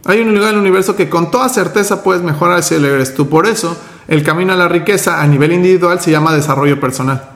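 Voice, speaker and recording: Firm gravelly man hosting a workshop. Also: sits high, fast talker, a bit bright, echoey room. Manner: firm, direct, gives instructions. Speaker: host of an online finance workshop. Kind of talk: motivational teaching and roll call.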